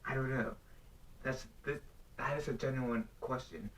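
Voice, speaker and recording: A young vlogger talks off the cuff to the camera in a medium-pitched, slightly bright voice. He halts and rambles while earnestly asking a question, and he sounds set back somewhat from the mic.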